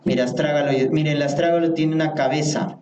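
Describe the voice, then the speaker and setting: This is a medical anatomy class led by a man whose voice is slightly high, steady, and a bit mellow. Speaking slowly, he repeats important terms and asks his students questions; he sounds far away in an echoey room with a slight hiss or hum.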